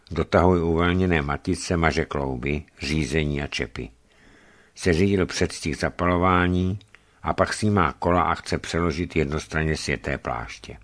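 A man narrating a travel memoir aloud in a measured, expressive reading style. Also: sits low.

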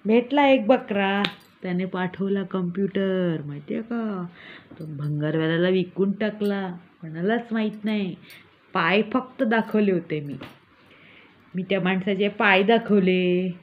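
In a comic sketch monologue, a woman plays a smug, scheming village mother and con artist who brags and mocks with glee. Her medium-pitched voice is unhurried and close to everyday speech, heard through a tinny, phone-like recording.

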